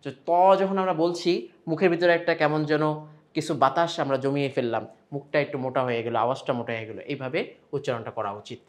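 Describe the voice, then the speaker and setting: A man's voice: medium pitch, steady tone, fast. A man with a Bangladeshi Bengali accent teaching Quran pronunciation step by step, stretching out sample sounds between explanations.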